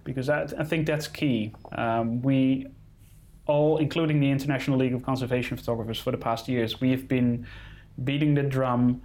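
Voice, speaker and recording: A man's voice: mid-range voice, steady tone, normal speed, darkish tone. A man who is not a native English speaker, answering interview questions in careful English and searching for words. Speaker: conservation photographer being interviewed.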